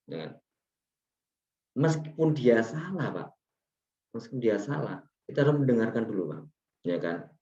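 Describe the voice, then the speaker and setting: A man's voice: mid-range voice, very animated, unhurried, pauses often, dark tone. Male seminar speaker, echoey hall, dull PA sound. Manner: explains points one by one, asks the audience "ya kan?"; acts out service staff lines in a raised voice. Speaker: speaker at a student seminar on customer service. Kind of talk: seminar presentation with slides.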